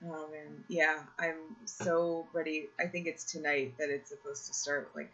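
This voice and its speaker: A rambling podcast host in casual chat, voice a little strained from an irritated throat. The tone is bright and forward. The home computer mic sounds dull and muffled. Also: medium pitch, little pitch movement, unhurried. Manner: rambling, self-correcting. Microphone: own computer mic, live video call.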